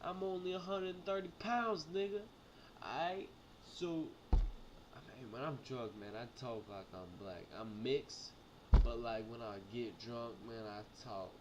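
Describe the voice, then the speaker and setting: A man's voice: mid-range voice, unhurried, lo-fi sound. Drunk, rowdy party-animal guy over background noise. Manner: loose, repetitive slangy talk with stumbles and swearing. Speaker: vlogger. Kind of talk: rambling casual storytelling to camera. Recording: noisy amateur recording with clicks.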